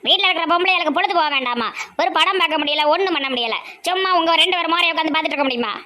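A woman's voice: extremely high pitch, bright, forceful tone. A woman voicing a chatty, generous middle-aged village aunt with a Tirunelveli Tamil accent. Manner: gossipy, fast chatter.

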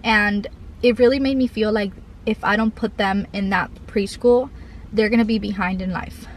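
Talking at a normal speed with fairly even intonation, this young woman vlogs as a mom in a confessional, rambling style, constantly saying "like" and "I feel like." She comes from a Cuban family and films from a parked car, then an outdoor park, with the camera on the dashboard or held close. Her voice is mid-range, with slight background noise.

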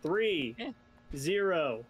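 Man with a fairly high voice, goofy jokey gamer banter, casual chat. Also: animated, very slow, breathy edge. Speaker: channel host playing a game.

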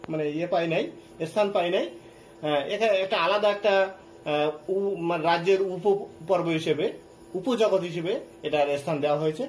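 High-voiced male science teacher. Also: a little hiss or hum, poor audio. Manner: repeats key terms, asks and answers his own questions. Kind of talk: online class lecture.

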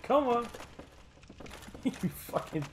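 A woman streamer giving live gameplay commentary, swearing constantly, laughing and yelling at the game. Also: on the high side, slow pace. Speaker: gaming streamer. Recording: steady background noise.

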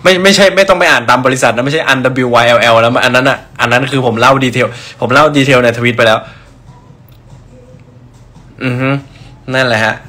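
A man's voice: medium pitch, fairly quick, long pauses, pushed and bright. A young man chatting on a livestream about his brand, rambling with restarts and answering viewers' comments. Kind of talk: casual livestream chat.

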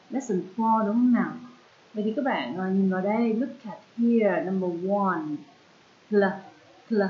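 A woman with a Vietnamese accent teaching an English lesson to children, drilling sounds slowly and switching between English and Vietnamese. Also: medium pitch, dull audio.

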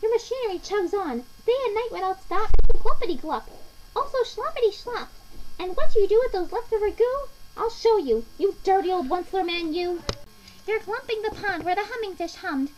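A woman voicing an indignant, querulous old creature who speaks for the trees in a storybook, croaky and scolding in rhyme. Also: very high voice, animated, fairly quick, hardly any pauses, slight background noise, voice pushed up, rough recording. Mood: angry, mournful. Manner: scolding, pleading, theatrical rhyming delivery.

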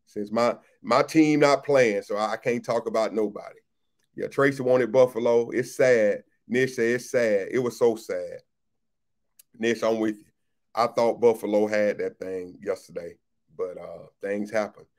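Speaking a little slowly in a lowish voice, this pastor runs a casual livestream, calling out viewers by name as he reads their comments. He tends to say his phrases more than once.

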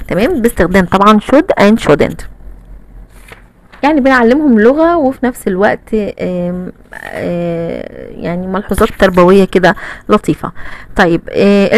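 A woman's voice: mid-range voice, a little mellow, rough recording. A woman teacher with an Egyptian Arabic accent walks through a primary English textbook in a casual, chatty way, saying "okay" often and chanting short rhymes. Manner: chatty, repeats "tamam" and fillers, sing-song rhymes. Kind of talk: casual explanatory lesson.

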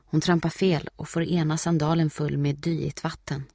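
Guy narrating an audiobook, raspy gravelly voice, dry close mic. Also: on the high side, dry recording. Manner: steady, measured reading.

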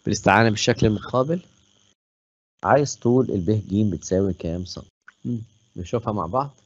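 A man's voice: fairly low pitch, quick pace, husky, dry recording. A man with an Egyptian accent teaching a math lesson online, asking questions aloud, answering them himself and praising his students. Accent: Egyptian Arabic. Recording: dull lo-fi stream audio.

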